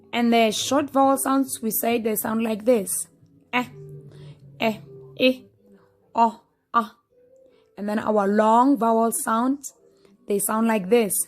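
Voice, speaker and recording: A woman teaching a phonics lesson, slowly sounding out letters and repeating words. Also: a little high. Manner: slow, patient, repeats sounds aloud.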